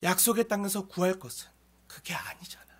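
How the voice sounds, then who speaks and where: A man preaching a sermon as pastor, moving between loud pleading and hushed, near-whispered lines. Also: sits high, brisk, husky.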